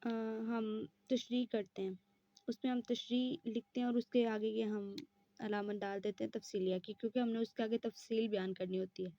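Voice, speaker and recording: A woman's voice: on the high side, fairly even intonation, moderate pace, dark tone, no room sound, muffled recording. A woman teaching an exam-prep lesson, explaining step by step and answering her own questions.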